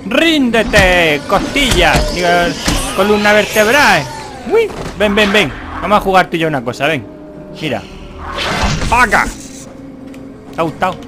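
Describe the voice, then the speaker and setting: A man's voice: sits high, animated, moderate pace, long pauses, over music. A man from doing playful, jokey let's play commentary, clowning in character. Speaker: gaming YouTuber.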